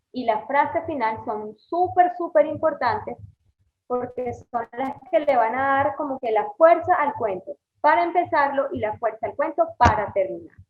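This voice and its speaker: A woman teaching storytelling in an online class, speaking slowly and clearly and checking in often with her students. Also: high-pitched. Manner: slow, clear, encouraging, checks in with "ok?". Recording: tinny phone-like video call audio.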